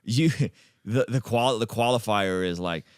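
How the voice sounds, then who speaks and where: A man from Azerbaijan hosting a podcast conversation, talking emphatically and leaping up in pitch to stress his points. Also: measured pace, smooth, no echo, clean studio sound. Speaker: podcast host.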